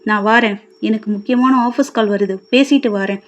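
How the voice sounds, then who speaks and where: A woman voicing a short-tempered, scornful husband who shouts sharp insults. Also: fairly high pitch, fairly quick, natural voice. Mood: angry scolding. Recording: dull lo-fi recording.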